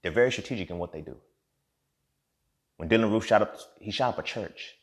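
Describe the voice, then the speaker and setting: A man in his thirties giving a profane, impassioned monologue as a podcast host, swinging from low muttering to loud outbursts. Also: fairly quick, slight background noise. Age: 30s.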